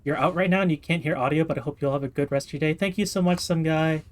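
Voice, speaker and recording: A man's voice: a little high, quick pace. A man live-streaming in casual chat, upbeat and chatty, thanking viewers by name.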